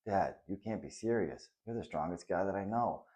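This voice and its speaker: A man reading the part of a sad, honest ten-year-old boy in a children's story, speaking gently and hesitantly. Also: sits low, lively intonation, moderate pace.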